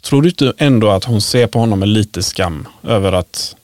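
A man hosting a casual podcast, asking probing questions with quick affirmations. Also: fairly low pitch, a little mellow, no room sound, studio quality. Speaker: podcast host.

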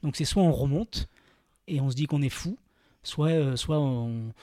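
A man who is a guest on a talk show, telling stories in a rapid, halting way with many restarts and laughs. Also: mid-range voice, mellow, no echo, studio quality. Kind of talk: casual chat, anecdote telling.

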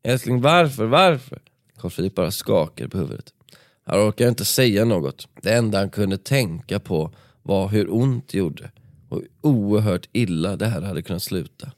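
A male podcast host speaks in a fairly low voice, switching between casual chat and a dramatic read-aloud. He is recorded close and dry in a studio. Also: darkish tone, dry recording. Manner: storytelling, reads with dramatic pacing. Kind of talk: casual chat and reading a book passage aloud. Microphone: studio microphone.

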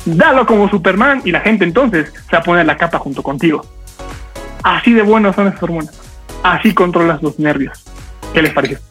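A man coaching an audience on public speaking, talking fast and energetically with lots of rhetorical questions. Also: high-pitched, fairly bright tone, husky, poor audio.

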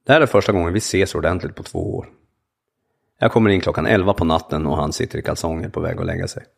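This first-person memoir is read by a man with a very deep, gravelly voice. He keeps a calm, measured pace, delivering the story in brief sentences.

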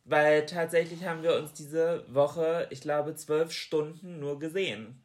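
A man co-hosting a casual chat podcast, talking in a brisk, chatty way and teasing his partner. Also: on the high side, steady tone. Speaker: podcast co-host.

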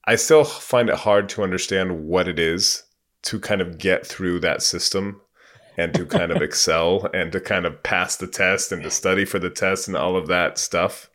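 A man's voice: low voice, fairly even intonation, moderate pace, a bit bright. A man hosting a podcast who asks casual, rambling questions full of fillers. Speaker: podcast host. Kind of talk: conversational interview questions.

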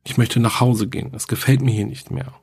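A man reading as a lonely young girl who writes her diary to her dead mother, in a plain, quiet horror story reading. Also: mid-range voice, fairly even intonation, brisk, creaky, slightly rough. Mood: fearful.

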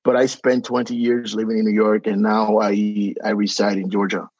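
This Spanish-speaking podcast guest from the Dominican Republic has a lowish, darkish, slightly rough voice, a level tone and a moderate pace. He chats casually in a Dominican accent, hesitating often with fillers and restarts, and the recording sounds dry, dull and lo-fi.

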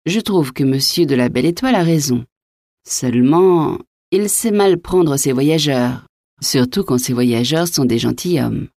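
A courteous young nobleman speaks with calm patience, read by a woman. His voice is deep and mellow, close-miked and dry in an audiobook style. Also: unhurried, no echo, heavily acted. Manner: even-tempered and polite. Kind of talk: audiobook reading.

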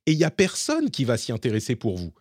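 A man's voice: mid-range voice, huge pitch swings, fast, husky, no room sound, clean studio sound. A man with a slightly hybrid French accent co-hosting a casual tech podcast, explaining with many fillers and restarts. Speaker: podcast co-host.

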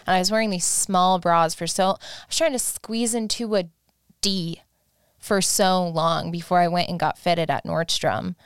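A woman's voice: lowish voice, steady tone, moderate pace, clear, resonant tone, no room sound, clean studio sound. A young adult woman speaking as an interview guest in a casual, confiding personal chat.

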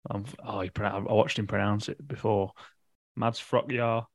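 A man co-hosting a football podcast, chatting with brief replies and quick asides. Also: fairly low pitch, flat delivery, no echo, studio quality. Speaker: podcast co-host. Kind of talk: casual football podcast chat. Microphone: podcast microphone.

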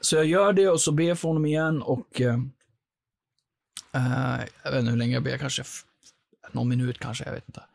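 A man, a podcast guest, telling his personal life story in an earnest, animated way, with frequent fillers. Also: medium pitch, creaky, pauses often, no echo.

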